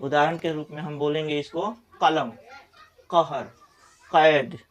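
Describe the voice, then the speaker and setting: A middle-aged man with a Bihari Hindi accent teaching pronunciation, saying example words slowly one at a time. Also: fairly high pitch, steady tone. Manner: slow, deliberate, repeats example words one by one. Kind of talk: pronunciation lesson.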